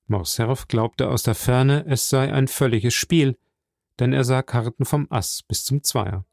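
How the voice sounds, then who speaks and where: A man narrating a classic novel in an even, steady reading voice. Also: medium pitch, measured pace, gravelly, dry recording, clean studio sound. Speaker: audiobook narrator.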